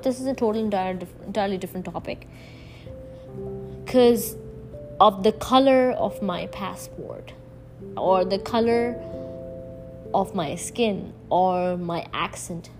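A woman speaking as a podcast host in a reflective solo monologue, halting and searching for words, then stressing key words. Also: lowish voice. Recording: music bed behind the voice. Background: music.

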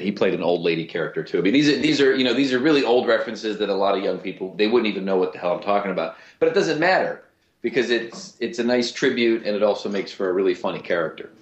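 Low-voiced male voice actor, guest interview, echoey room, dull lo-fi recording. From Cleveland, USA. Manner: animated, with frequent restarts. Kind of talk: casual interview talk. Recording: roomy lo-fi recording.

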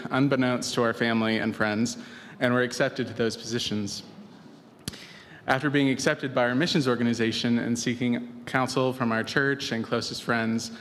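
Man, mid-pitched, measured and earnest testimony, long hall reverb, faint background noise. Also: fairly bright tone. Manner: measured, earnest, formal wording. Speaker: missionary. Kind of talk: personal testimony.

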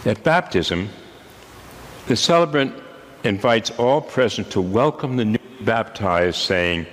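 Old guy in his 80s preaching a sermon, lowish voice, slow solemn pauses, long church echo. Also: expressive, fairly bright tone. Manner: measured, solemn delivery with deliberate pauses. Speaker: priest.

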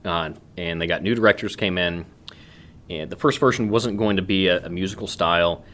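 A man's voice: low voice, a little fast, fairly bright tone. A man co-hosting a podcast, chatting playfully with frequent ums and asides. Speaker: podcast co-host. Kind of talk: casual chat.

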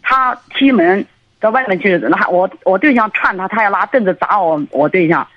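Lady caller on a dull phone line, halting and rambling, lots of uh and restarts. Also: medium pitch, expressive, no room sound. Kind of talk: call-in radio conversation. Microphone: telephone.

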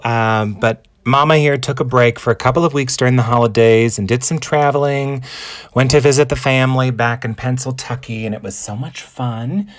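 A man in his forties hosting a podcast, chatting in a bubbly, campy way with playful pet names from his makeup table. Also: medium pitch. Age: 40s. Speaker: podcast host. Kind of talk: casual monologue.

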